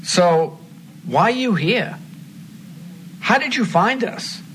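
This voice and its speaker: A man playing a wary, exasperated married man in a scripted drama, stern and deliberate. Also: sits high, expressive, fairly bright tone, slight background noise, heavily acted, poor audio. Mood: firm, exasperated.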